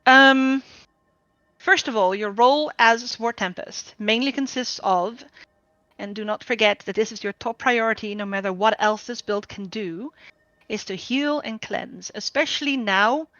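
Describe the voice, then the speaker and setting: A woman guild trainer explaining a game build over group voice chat, steady and explanatory with frequent ums. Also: on the high side, a little slow, no room sound. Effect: group voice chat audio. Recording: dull lo-fi voice chat mic.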